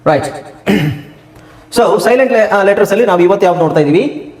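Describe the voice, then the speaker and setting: A man teaching an English lesson, explaining letter by letter in a lively, emphatic way. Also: reverberant. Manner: fast sales pitch in the ad. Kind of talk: spoken English lesson with a promo break.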